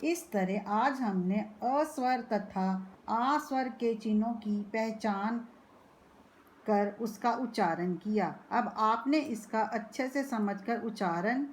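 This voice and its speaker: Woman teacher, slightly high voice, slow careful delivery for young kids. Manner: spells out syllables slowly and clearly. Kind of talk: slow children's phonics lesson.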